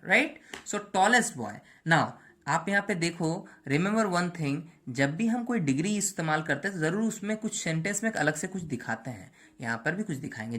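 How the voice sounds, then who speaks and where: Woman, grammar teacher, slightly low voice, mixes Hindi and English, slow on examples, keeps asking "right?". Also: fairly bright tone. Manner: checks in often with "right?" and "okay". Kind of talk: classroom lesson.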